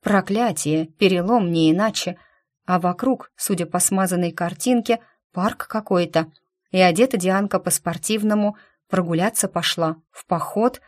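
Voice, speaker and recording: A woman narrating a first-person audiobook in an even, measured reading. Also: on the low side.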